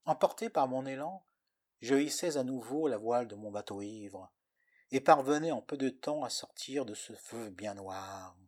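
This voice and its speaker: A man's voice: mid-range voice, expressive, normal speed, darkish tone. A man narrating a poetic story in the first person with a dramatic, lyrical delivery.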